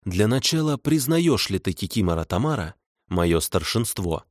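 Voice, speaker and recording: A man voicing a calm, stern, ancient male water spirit who speaks unhurriedly. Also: lowish voice, normal speed, no room sound, clean studio sound.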